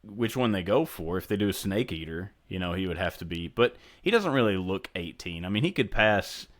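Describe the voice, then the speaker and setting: A man with a very deep voice, talking on a podcast in a relaxed, easygoing way. He chats loosely and laughs readily. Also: a little fast. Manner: laid-back, laughs easily. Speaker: podcast co-host. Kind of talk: casual chat.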